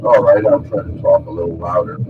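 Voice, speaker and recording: A man's voice: low voice, steady tone, fast talker. An older man calling in and rambling with many restarts, heard over a fuzzy call line that keeps breaking up. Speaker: caller. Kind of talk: casual chat. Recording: muffled, distant call line with loud background noise.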